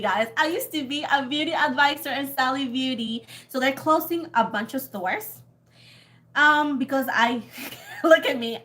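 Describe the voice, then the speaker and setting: A young tarot reader from Puerto Rico, speaking with a Puerto Rican accent, chats casually with her livestream viewers in a high, bright, forceful voice. She rambles, laughs frequently and swears without much thought.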